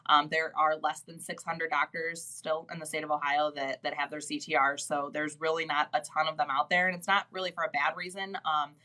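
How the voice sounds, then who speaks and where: A woman's voice: low-pitched, level tone, a little fast, few pauses, sharp tone. A woman talking as a guest in a casual business interview, chatty and filled with "like" and "you know".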